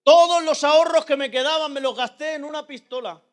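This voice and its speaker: A man preaching a testimony sermon, speaking to his congregation and building up to loud, impassioned pleading. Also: very high voice, steady tone, fairly quick.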